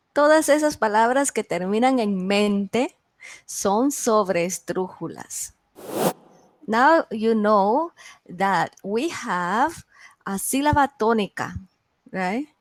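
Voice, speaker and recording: A woman teaching a beginners' class online, sounding out each word slowly and clearly for her students. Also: mid-range voice, dry recording. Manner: slow, carefully enunciated word drills. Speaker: Spanish teacher.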